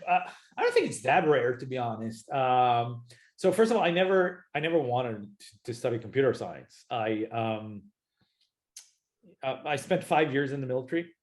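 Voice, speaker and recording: A man in his forties with an Israeli accent, a startup founder talking casually in an interview, relaxed and hesitant. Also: medium pitch, normal speed. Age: 40s. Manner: hesitant, many fillers and restarts, relaxed.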